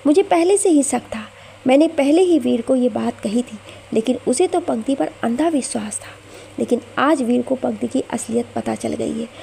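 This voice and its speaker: A scheming young woman whines and pleads, faking tears, in a storybook reading, voiced by a woman narrator. The voice is dark and gravelly, slightly high. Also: normal speed, slight background noise. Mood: pleading.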